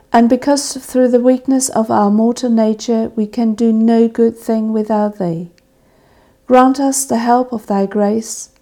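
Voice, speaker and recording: Slow, gravelly woman intoning prayers. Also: on the high side, mellow. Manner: measured, solemn intoning. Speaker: service officiant. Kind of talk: liturgical reading of evening prayer.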